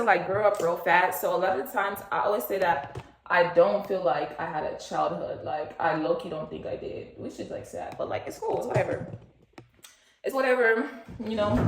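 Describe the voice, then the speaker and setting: A woman's voice: mid-range voice, fairly bright tone. A woman in her twenties from Nigeria, vlogging in a rambling, chatty way with lots of fillers and asides. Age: 20s. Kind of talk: casual chat, get-to-know-me story. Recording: echoey room.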